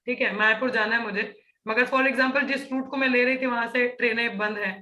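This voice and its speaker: A woman's voice: a little high, fairly even intonation, fairly quick, bright, forceful tone, roomy sound, low-quality recording. A woman teaching a scripture class, mixing Hindi and English and checking in with her students again and again. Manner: explanatory, many "ठीक है" check-ins.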